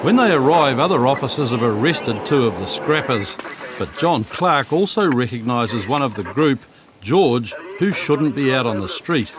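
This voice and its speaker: A man's voice: mid-range voice, animated, moderate pace, background noise. A man with a New Zealand accent reading scripted documentary narration.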